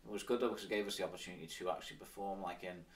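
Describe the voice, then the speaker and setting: A man's voice: deep voice, steady tone, racing, recorded from a distance. A man in his thirties with an Isle of Man accent, reminiscing informally as an interview guest, in a loose conversational way. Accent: Manx, Isle of Man. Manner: informal, with frequent "sort of" and "like". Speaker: interview guest, former professional cyclist.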